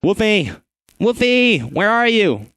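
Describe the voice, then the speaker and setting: A man's voice: high-pitched, very animated, takes it slowly, a bit bright, clear, resonant tone, no room sound, pitched above the performer's own voice, exaggerated voice. A frightened young boy on the run, scolding and calling urgently, as a man reads him aloud. His voice sits well above the reader's own, and the recording is dry and close.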